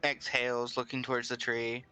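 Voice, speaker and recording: A man's voice: mid-range voice, completely flat delivery, normal speed, pushed and bright, smooth. A man playing a tabletop role-playing game, casually chatting and stating what his character does. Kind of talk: casual role-play chat.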